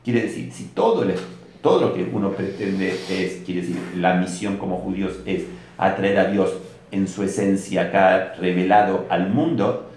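A man's voice: deep voice, normal speed, heavy reverb, a little hiss or hum. A man with an Argentine Spanish accent giving a religious lecture, telling stories and asking rhetorical questions as he teaches. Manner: storytelling with rhetorical questions, animated. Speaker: rabbi teaching a class.

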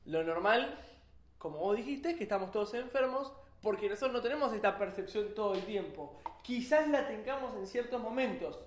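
A man with a Rioplatense Spanish accent teaches a Torah class, explaining ideas and questioning his students. His voice sits high, expressive and fairly quick, in an echoey room.

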